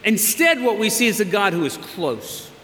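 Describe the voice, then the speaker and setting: A man preaching a sermon as a pastor, earnest and emphatic, with slow pauses for weight. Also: high-pitched, very animated, fairly bright tone. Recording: long hall reverb, faint hiss.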